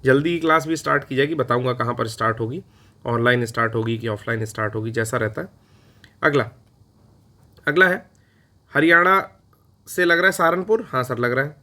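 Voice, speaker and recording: A man's voice: medium pitch, steady tone, a little fast, pauses often, bright, forceful tone. A man teaching an exam-prep lecture, chatty and playful, answering his own questions in a mock student voice. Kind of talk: recorded online lecture.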